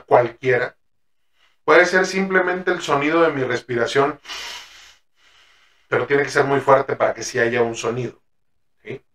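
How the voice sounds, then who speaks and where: A man's voice: on the high side, fairly bright tone. A man with a Mexican accent hosting a therapy podcast, chatting casually, swearing freely and acting out exchanges with his patients. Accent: Mexican Spanish. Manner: colloquial, swears freely, acts out patient dialogues. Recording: roomy echo, mic at a distance.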